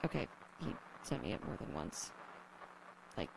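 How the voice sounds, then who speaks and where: Here the same wry radio survivor, a lonely and nervous young woman who rambles, runs herself down, and swears when flustered, is voiced with a bass, creaky tone. The woman's exaggerated performance moves a little slowly with big pitch swings, over a noisy background.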